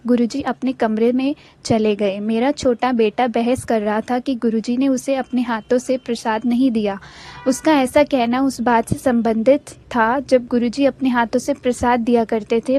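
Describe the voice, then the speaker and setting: A woman reading a devotee's first-person testimony aloud in a steady, reverent way, with small restarts now and then. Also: fairly high pitch, no echo. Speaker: devotional channel narrator.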